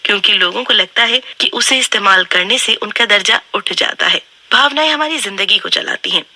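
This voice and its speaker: A woman reads a book summary in a steady, instructive voice. Her tone is very bright and forceful, and the recording is close and completely dry. She sits at a mid-range pitch. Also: a little fast, no echo. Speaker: narrator. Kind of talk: scripted book summary narration.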